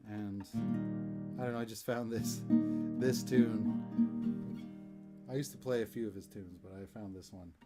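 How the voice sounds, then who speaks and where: A man's voice: on the low side, steady tone, unhurried, long pauses. A man hosting a music live stream, chatting casually between songs in an easygoing, rambling way with self-deprecating jokes. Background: acoustic guitar.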